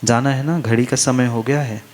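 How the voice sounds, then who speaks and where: A man's voice: mid-range voice, steady tone, moderate pace, a little mellow. A man preaching a sermon as a monk, emphatic, repeating phrases and asking his listeners questions. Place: large hall at a religious festival. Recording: long reverb of a large hall.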